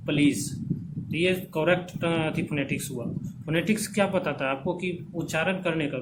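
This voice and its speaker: A man teaching English phonetic transcription, repeating words slowly as drills and checking in often. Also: on the high side. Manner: checks in often with "theek hai". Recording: background noise.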